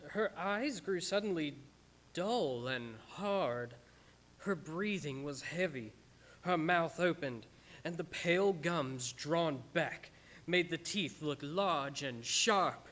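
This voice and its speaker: A man plays an earnest, devoted doctor in a radio horror drama. His voice is a little high for a man. He delivers his account with solemn, dramatic weight. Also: expressive, takes it slowly, a bit bright. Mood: solemn, haunted. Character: earnest, devoted, anguished male doctor narrating his journal.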